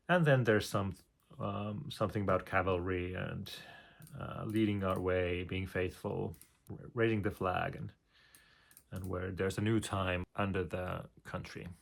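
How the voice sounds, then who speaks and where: A Finnish-speaking man narrates his composing process step by step, humming short melodic lines and pausing frequently on fillers. His low voice has a gravelly, creaky edge and a steady tone, and his explanations feel hesitant and searching.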